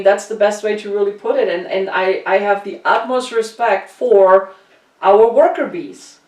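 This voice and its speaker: With a medium-pitched, darkish voice, a woman from Germany leads a casual, conversational talk show, stressing her opinions earnestly and repeating phrases to make them stick. She's far from the mic in a room with a roomy echo.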